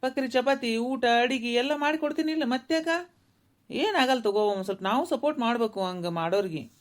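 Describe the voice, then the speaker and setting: This is a woman voicing a mild young cartoon son who keeps calmly pleading and reasoning. He speaks, a bit higher than a usual man. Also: a little fast, natural voice. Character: patient young married man, gentle son. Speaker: voice actor. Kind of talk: cartoon voice acting.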